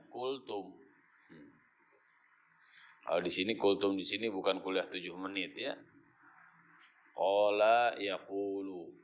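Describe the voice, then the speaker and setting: A man's voice: on the low side, fairly bright tone. A man teaching a Quran study lesson. He explains the Arabic word by word and mixes in casual slang and teasing commentary.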